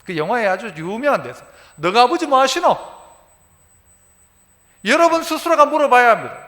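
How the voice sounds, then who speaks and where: A male pastor preaching a sermon, animated and acting out dialect dialogue. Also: very high-pitched, normal speed. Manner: animated, quotes dialogue in dialect, shouts for emphasis. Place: church sanctuary. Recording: church sanctuary with long reverb.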